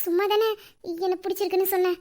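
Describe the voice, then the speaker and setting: Timid devoted village girl, voiced by a woman, very high, quick, hesitant. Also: flat delivery. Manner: soft, pleading, hesitant.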